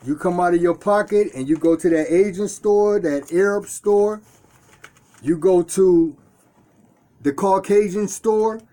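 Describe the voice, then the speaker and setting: A man's voice: high voice, measured pace, warm tone. A man from Detroit who owns a store, talking earnestly to his own camera from inside the shop and often repeating and restarting phrases. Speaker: store owner. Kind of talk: casual talk to camera. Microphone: self-filmed camera.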